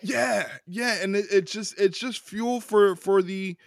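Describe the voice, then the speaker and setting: Guy co-hosting a wrestling podcast, ranty, repeats himself, high voice. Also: slow pace, vocal fry, dry recording. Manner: ranting, repeats words, laughs often. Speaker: podcast co-host. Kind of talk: casual wrestling podcast chat.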